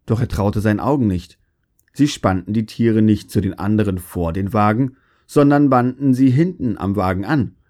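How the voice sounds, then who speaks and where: Calm, low-voiced male storyteller. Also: normal speed. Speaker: narrator. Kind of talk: storybook narration.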